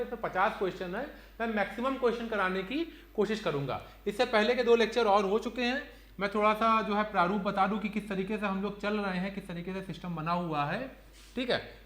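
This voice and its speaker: A man gives an online reasoning lesson. His voice sits high and he explains each step slowly and clearly. The recording has an echoey, roomy sound. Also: fairly bright tone. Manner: explains step by step, counting aloud, fillers like "theek hai". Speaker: reasoning teacher. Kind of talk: online exam-prep lecture.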